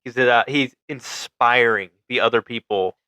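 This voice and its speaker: A male podcast co-host talking through a film in a loose, enthusiastic, rambling way. His voice is clean and resonant, sitting at an ordinary pitch for a man. It is recorded close and dry, with no room sound. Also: unhurried, sharp tone, clear, resonant tone, dry recording. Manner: enthusiastic, rambling, laughs easily. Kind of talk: casual movie review chat.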